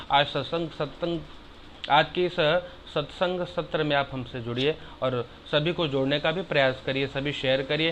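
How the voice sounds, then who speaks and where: Hindi devotional teacher, higher voice, lo-fi. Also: male voice, a little hiss or hum. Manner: chants Sanskrit verses slowly and loudly between plain explanation; addresses listeners warmly as brother. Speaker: religious teacher. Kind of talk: devotional discourse with chanted verses.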